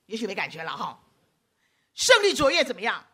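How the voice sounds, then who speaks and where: A woman preacher, giving a lively sermon, teasing her listeners by name and acting out quoted voices. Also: mid-range voice, a little fast, husky. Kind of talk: lively sermon with audience banter.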